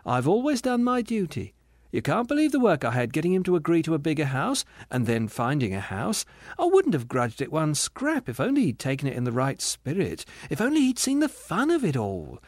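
A man's voice: fairly high pitch, wildly swooping pitch, fairly quick, no room sound, studio quality. A man reading the part of a self-righteous female ghost who complains domineeringly and primly about her late husband. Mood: indignant. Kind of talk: audiobook character reading.

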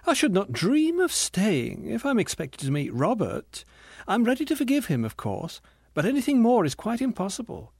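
A man's voice: high voice, huge pitch swings, moderate pace, creaky, no echo, studio quality, exaggerated voice. A man reading the part of a self-righteous female ghost who complains domineeringly and primly about her late husband. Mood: indignant. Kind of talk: audiobook character reading.

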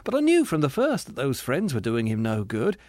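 A man's voice: medium pitch, wildly swooping pitch, a little fast, a little mellow, no echo, studio quality. A man reading the part of a self-righteous female ghost who complains domineeringly and primly about her late husband. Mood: indignant. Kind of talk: audiobook character reading.

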